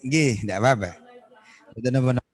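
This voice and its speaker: A man teaching Quran recitation on a video call, correcting students and demonstrating verses in a slow, drawn-out chant. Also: mid-range voice, slightly rough. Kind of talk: online Quran recitation lesson.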